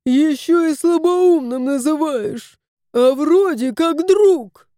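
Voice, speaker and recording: A woman's voice: mid-range voice, sing-song, warm tone, no room sound, studio quality. A woman voicing a plump, touchy male house cat who whines and sulks in an audiobook. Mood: whining. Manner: whining, drawn-out complaints. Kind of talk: audiobook character voice.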